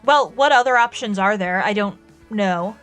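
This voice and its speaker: A young woman streamer chatting casually while drawing, excitable and quick to laugh, fighting off a cold. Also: medium pitch, faint music behind. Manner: excitable, gushes and laughs a lot. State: coming down with a cold, coughing.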